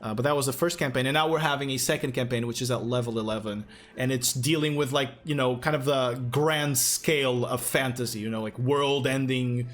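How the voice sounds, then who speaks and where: A man's voice: mid-range voice, steady tone, brisk, few pauses, a bit bright. A young man hosting a livestream as game master, chatting casually and rambling with many fillers and restarts. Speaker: game master and stream host. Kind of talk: casual livestream chat, reading chat questions. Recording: faint music behind.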